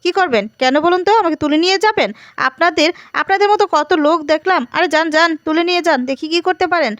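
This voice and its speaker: A woman voicing a bold, sharp-tongued young woman who talks back mockingly. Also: extremely high pitch, fast, no room sound. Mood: scornful. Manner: defiant, mocking.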